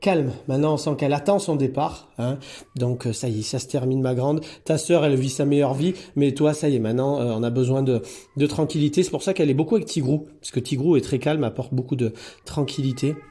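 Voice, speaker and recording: A man's voice: mid-range voice, fast talker, mellow. A man who runs a cat hotel, chatting in a casual vlog and talking affectionately to the cats. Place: indoor cat boarding room.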